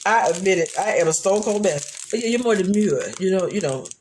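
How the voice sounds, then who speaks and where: Loud, laughing woman chatting live. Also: medium pitch, fairly quick, slight background noise. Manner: chatty and animated, frequent restarts. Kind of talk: casual live chat.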